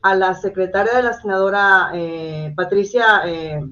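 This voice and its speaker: A woman's voice: mid-range voice, unhurried, fairly bright tone, dull audio. A woman with a Mexican accent giving an earnest, detailed personal account as an interview guest. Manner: earnest, detailed storytelling, checks she is understood. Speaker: interview guest, caregiver mother.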